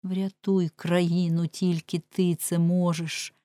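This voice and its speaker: A woman's voice: on the low side, level tone, slow pace, mellow, no room sound, studio quality. A woman reading a bold young jester's warnings. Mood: urging. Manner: pleading, urgent, mocking warnings. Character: bold young male jester, prophet of doom.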